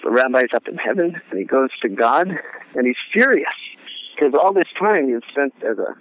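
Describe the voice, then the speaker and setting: A man's voice: medium pitch, animated, no echo. Man on a tinny phone-like line. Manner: halting, reflective, many restarts. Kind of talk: casual conversation, telling a joke.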